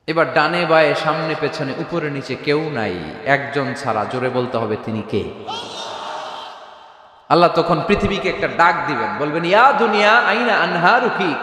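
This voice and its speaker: A man with a Bangladeshi Bengali accent preaching a fiery sermon, shouting, chanting verses and rousing the audience to answer. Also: normal speed. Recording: booming echo from a large hall PA.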